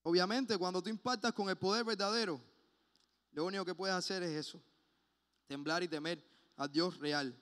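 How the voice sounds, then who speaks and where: A man preaching a sermon in a church, passionate and emphatic, at times dropping to a quiet personal tone. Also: sits high, normal speed, long pauses. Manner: impassioned, swings between loud emphasis and hushed personal asides. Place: church sanctuary. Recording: long hall reverb.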